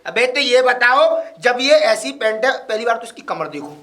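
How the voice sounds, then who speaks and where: Woman doing a jealous young husband, bright voice, keeps accusing and arguing. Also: fairly low pitch, lively intonation, a little fast. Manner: accusing, argumentative. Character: jealous young husband, suspicious and hot-tempered. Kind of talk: comedy sketch acting.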